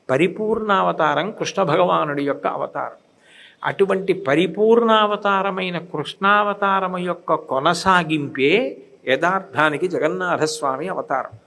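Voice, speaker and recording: Older man, devotional sermon, higher-pitched voice, chants verses, acts out the voices he quotes. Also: a bit bright. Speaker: religious discourse speaker.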